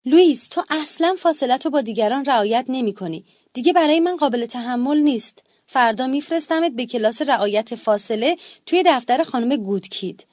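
A woman's voice: sits high, expressive, darkish tone, no room sound, clean studio sound. A woman reading a storybook, voicing an exasperated female schoolteacher who scolds sharply. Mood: angry.

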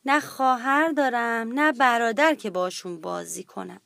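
A woman's voice: a little high, vocal fry, a bit bright, dry recording, studio quality. A woman voicing a small, lonely young creature in a children's story, in a sweet childlike way.

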